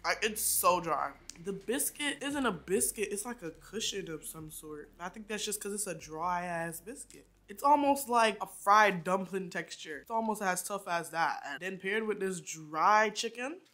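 A young woman chatting casually to camera while eating, slangy and quick to laugh. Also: mid-range voice, animated, a bit bright. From Jamaican heritage. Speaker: vlogger. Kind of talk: casual mukbang chat. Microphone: phone or camera at arm's length.

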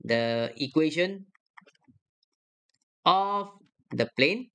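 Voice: medium pitch, animated, drawn-out words, pushed and bright, a little hiss or hum. A math lecturer talking through a worked problem step by step on a screen recording, checking each sum aloud. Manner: works aloud step by step, checking their own sums.

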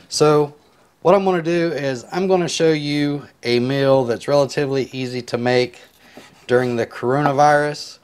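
In this casual cooking tutorial, a man with an ordinary mid-range voice explains a simple recipe step by step while cutting and seasoning, relaxed, a little rambling and full of filler words. He's a home cook, recorded close on a clip-on lapel mic in his home kitchen.

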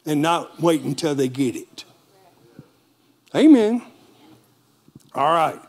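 A man preaching a lively sermon in a church with a Texan accent, calling for amens from the congregation. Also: sits high. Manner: animated preaching with call-and-response. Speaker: pastor.

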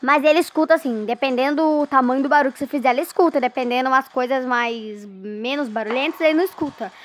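A high-voiced Brazilian woman chats her way through a horror game. She sounds nervous and speaks casually to her viewers, with faint music behind her. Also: fast talker. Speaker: gamer.

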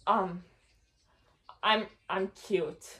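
Slow-talking young woman in casual banter. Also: medium pitch, fairly even intonation, fairly bright tone. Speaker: challenge video participant. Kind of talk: casual playful banter in a guessing game. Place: small bedroom, indoors.

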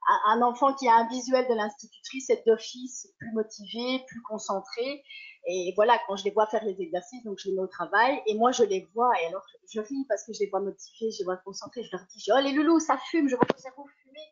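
A woman primary school teacher presents her online lessons to colleagues in a webinar. She explains things in a lively way, often circling back and correcting herself. Her voice sits a bit high, and the video call audio comes through dull and lo-fi. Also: a little fast.

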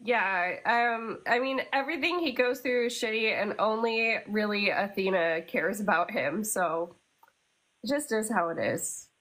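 A woman's voice: mid-range voice, measured pace, fairly bright tone, rough recording. A young adult woman co-hosting a podcast, telling stories in a casual, chatty way with plenty of fillers. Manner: chatty storytelling with many fillers. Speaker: podcast co-host. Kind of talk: casual chat.

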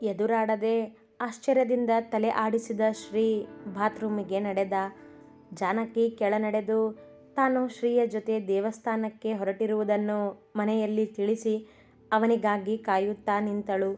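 A woman narrating a romantic story in a steady, unhurried storybook reading. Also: mid-range voice, faint music behind.

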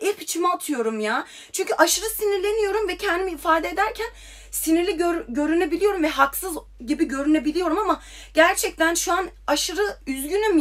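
A woman's voice: very high-pitched, a bit bright. A young woman ranting heatedly into her phone on a livestream, firing off confrontational questions. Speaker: TikTok livestreamer. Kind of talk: angry livestream rant.

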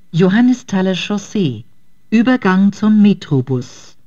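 A woman giving recorded station announcements over a train intercom, in measured, clipped calls. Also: medium pitch, mellow. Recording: dull lo-fi intercom audio.

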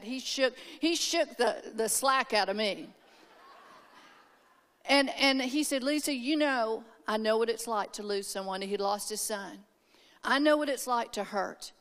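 A woman's voice: fairly high pitch, a bit bright. Emphatic woman preaching in a reverberant hall. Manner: emphatic, calls for amens, tells a personal story. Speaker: speaker at a women's conference. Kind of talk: sermon.

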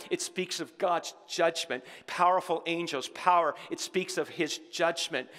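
Impassioned male pastor preaching in a hall. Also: a little high. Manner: impassioned preaching, swinging from shouting to soft, somber tones. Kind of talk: sermon. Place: church sanctuary.

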